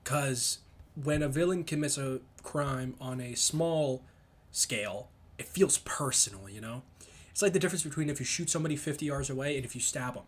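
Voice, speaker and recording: A young man chatting casually and emphatically in slang, thinking out loud as he rambles through his opinions. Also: medium pitch. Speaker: solo commentator reading and reacting to comments. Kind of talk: casual rambling chat about comics and anime.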